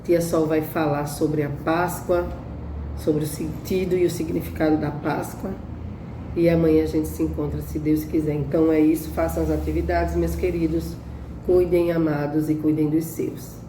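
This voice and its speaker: A woman teacher speaks fondly to her pupils, reminding them of their homework. Her voice is low and mellow, and it sounds echoey and some way off from the mic, with faint room noise behind. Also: flat delivery, normal speed. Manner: affectionate, reminding. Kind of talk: class wrap-up addressed to pupils. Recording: echoey, distant room recording.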